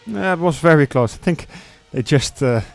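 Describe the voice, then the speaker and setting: A man giving live motorsport commentary on sim racing, conversational and hesitant between bursts of excited calls. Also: a little high, normal speed, gravelly, soft background music.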